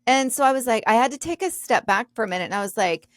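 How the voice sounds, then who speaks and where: A woman's voice: on the high side, no echo, studio quality. A woman co-hosting a podcast, talking candidly and expressively in casual conversation. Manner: expressive, candid, quick reactions. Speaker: podcast co-host.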